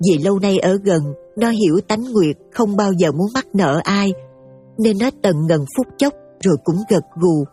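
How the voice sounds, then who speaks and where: A woman giving steady, emotive scripted story narration over faint music. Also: medium pitch, moderate pace, slightly rough.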